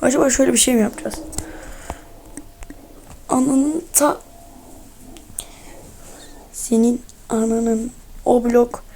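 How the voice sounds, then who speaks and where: A woman's voice: fairly high pitch, fairly even intonation, slow pace, vocal fry, pauses often, dark tone, slight background noise. A young woman commenting casually as she plays a game, exasperated, muttering and swearing at it. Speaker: gaming streamer.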